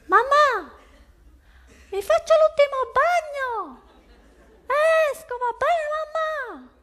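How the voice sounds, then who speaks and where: A woman's voice: lively intonation, slow pace, fairly bright tone, heavily acted. A woman voicing a small child who bargains and pleads with their mother to keep swimming. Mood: pleading. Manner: high, wheedling, bargaining. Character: whiny pleading little child at the beach.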